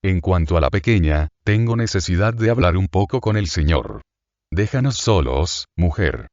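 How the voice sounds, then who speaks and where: A man voicing a calculating middle-aged male innkeeper who feigns warm affection, in an audiobook reading. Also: low-pitched, big pitch swings, normal speed, dry recording, lo-fi sound. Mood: falsely tender. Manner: falsely kind, sentimental, calculating.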